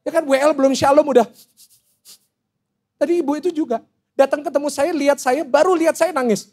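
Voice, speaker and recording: A man's voice: extremely high pitch, a little fast. A middle-aged man with an Indonesian accent preaching a sermon as pastor, asking the congregation questions and joking between points. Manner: lively, asks the congregation questions and jokes. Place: church hall.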